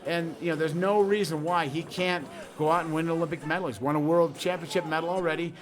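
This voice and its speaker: A man giving wrestling color commentary at an outdoor event, halting and full of fillers like "you know". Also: fairly high pitch, fairly even intonation. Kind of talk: sports commentary.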